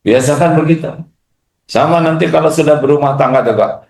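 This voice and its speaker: A man's voice: on the high side, fairly quick, vocal fry, darkish tone. A man preaching a sermon to an audience, questioning them and acting out insults. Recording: echoey hall.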